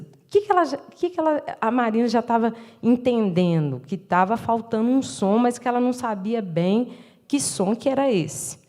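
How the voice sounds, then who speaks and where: A woman's voice: mid-range voice, darkish tone. A middle-aged woman with a Brazilian Portuguese accent, giving a lecture as an education professor, explaining step by step and acting out classroom exchanges with frequent tag questions. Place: lecture room.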